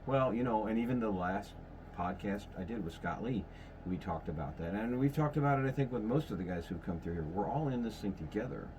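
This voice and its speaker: A man's voice: on the low side, lively intonation, fairly quick, background noise. A man in his fifties hosting a podcast in casual chat, rambling and correcting himself as he goes. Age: 50s. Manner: rambling, self-correcting, folksy. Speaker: podcast host.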